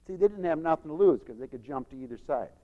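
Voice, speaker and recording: A man preaching a sermon as dramatic storytelling, acting out crowds and swinging from loud shouts to hushed asides. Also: on the high side, animated, fast, phone-quality sound. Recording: long hall reverb.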